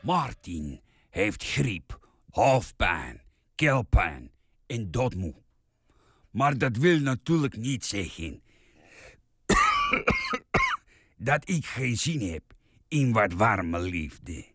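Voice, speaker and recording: A man playing a sick, grumpy, self-pitying man in a comic radio sketch, slow and sulky between coughs. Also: lowish voice, wildly swooping pitch, fairly bright tone, breathy edge, dry recording, clean studio sound, full character voice. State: coughing, worn out with flu.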